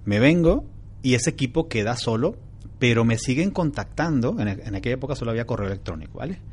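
A man speaks as an interview guest, in a calm, frank and reflective way. He tells his story in a relaxed conversational manner. A faint hiss sits under his voice. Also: mid-range voice, fast. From Venezuela.

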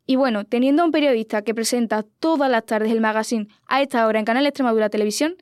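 Woman reporter, scripted voice-over, high pitch, dry close sound. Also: quick pace, darkish tone, clear, resonant tone, no room sound. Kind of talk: scripted narration.

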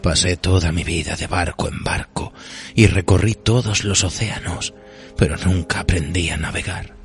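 A man reciting a dark poem as an ancient, weary, ravenous cursed treasure of the sea, slow and solemn, at times hushed. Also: sits low, lightly acted. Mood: brooding. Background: music.

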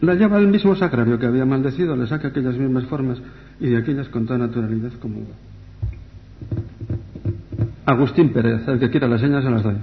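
Priest telling stories on muffled radio. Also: male voice, mid-range voice, quick pace, pauses often, slight background noise. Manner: animated storyteller who acts out the people he quotes. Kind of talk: storytelling and answering questions on radio. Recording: dull radio recording with long reverb.

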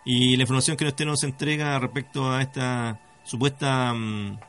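A Chilean-accented radio host leads a conversational interview, hesitating often and tacking checking questions like "cierto" onto his phrases. His medium-pitched, slightly bright voice stays fairly even at normal speed, with faint music behind it.

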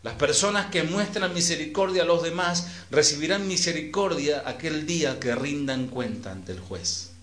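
A man with an Argentine accent preaching a sermon as pastor, switching between loud emphatic phrases and soft trailing endings, with conversational asides to the congregation. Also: fairly high pitch, moderate pace, hardly any pauses, echoey room.

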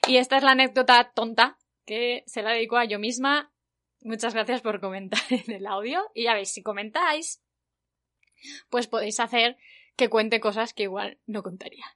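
A chatty woman from Spain with a Spain Spanish accent tells a casual anecdote on her podcast. Her voice sits a little high for a woman, and she acts out the voices of the people in her stories. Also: moderate pace, sharp tone. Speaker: podcast host.

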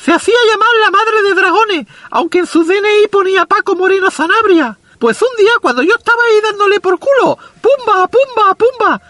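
A man playing a foul-mouthed, self-proclaimed macho with a squeaky, effeminate, boyish voice, rambling through a comic monologue. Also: a little fast, few pauses, sharp tone, dry recording. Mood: rambling, boastful. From Andalusia, Spain. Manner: crude, rambling anecdotal delivery.

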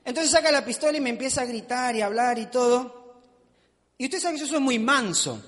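A man's voice: very high voice, expressive, fairly quick, fairly bright tone. A male preacher giving a conversational sermon with self-mocking humor, asking the audience questions. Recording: long hall reverb.

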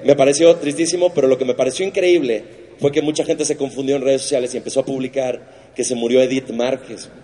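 A man's voice: mid-range voice, fairly even intonation, quick pace, mellow, slight background noise. A man with a Mexican Spanish accent hosting a comedy show, riffing crudely on the week's news and swearing constantly. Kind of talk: stand-up news monologue.

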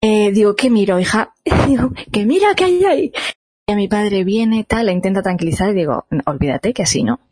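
Lively woman telling stories. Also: medium pitch, a little fast. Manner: lively, laughing, acts out quoted voices. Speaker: radio show co-host. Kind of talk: casual storytelling on a radio talk show.

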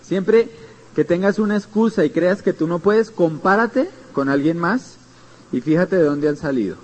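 High-voiced Colombian man, motivational speaker. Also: lively intonation, normal speed, rough recording. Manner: earnest storytelling, addresses listeners directly with tag questions. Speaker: business seminar speaker. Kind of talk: motivational seminar talk.

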